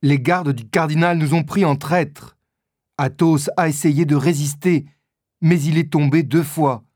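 A man reading a storybook and voicing a quick-tempered male musketeer who speaks in a gruff, irritable way. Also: fairly high pitch, fairly even intonation, a little mellow, dry recording, studio quality. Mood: irritated.

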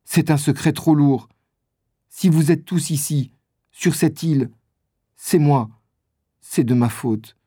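A man's voice: a little high, slow pace, pauses often, mellow, breathy edge, no room sound, clean studio sound, pitched above the performer's own voice. A man voicing a young boy who is determined and tearful with guilt, in a storybook reading. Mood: insistent. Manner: tearful, insistent.

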